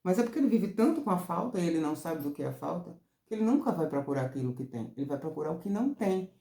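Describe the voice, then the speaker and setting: A Brazilian woman therapist talks her viewers through a lesson in a loose, expressive way. Her voice is mellow and gravelly. The room around her rings with a noticeable echo. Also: very fast. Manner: expressive, rises high and loud when excited. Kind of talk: casual teaching talk. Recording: roomy echo.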